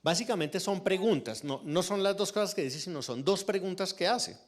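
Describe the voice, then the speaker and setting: A man's voice: high voice, lively intonation, moderate pace. A man preaching a sermon in a church, teaching through rhetorical questions to the congregation. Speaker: pastor.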